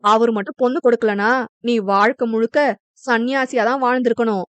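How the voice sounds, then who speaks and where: A woman's voice: fairly high pitch, steady tone, fairly quick, fairly bright tone, smooth, no room sound, muffled recording, lightly acted. A woman voicing a sarcastic older son-in-law who taunts his rival. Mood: taunting.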